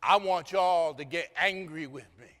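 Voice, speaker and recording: A man's voice: on the high side, a little slow, a bit bright, big-room sound. A man preacher voicing the older widow Naomi, bitter and grieving, in a church sanctuary. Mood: bitter anger. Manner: pleading, then bitter and raging.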